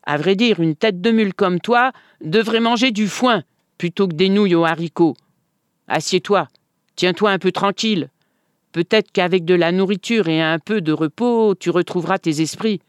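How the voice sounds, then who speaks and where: A storyteller voicing an angry, scolding wife who shouts at her husband, in a read-aloud folk tale. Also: medium pitch, normal speed, smooth, no echo, clean studio sound, voice pushed up, lightly acted.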